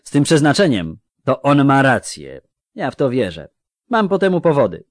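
A man's voice: mid-range voice, wildly swooping pitch, normal speed, dry recording, studio quality, voice pushed up. A male narrator voicing a blunt, growling male dwarf who speaks forthrightly.

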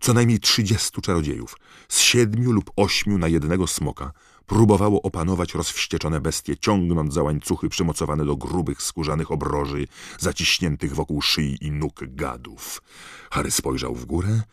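A man's voice: very deep voice, normal speed, no echo, clean studio sound. A man reading an audiobook aloud, with dramatic, varied delivery. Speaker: audiobook narrator. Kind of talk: scripted narration.

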